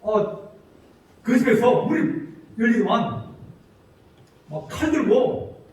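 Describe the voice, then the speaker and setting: Male pastor, high and animated, slow emphatic delivery, distant mic in an echoey church. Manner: storytelling preacher, drawn-out emphatic phrases. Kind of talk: sermon. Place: church sanctuary. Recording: roomy church sound, mic from a distance, faint room noise.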